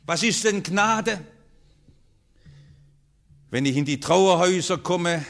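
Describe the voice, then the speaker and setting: A man's voice: slow pace, vocal fry. A man preaching a sermon, earnest, his voice rising and falling strongly as he speaks. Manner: earnest, with strong rises and falls in pitch and loudness.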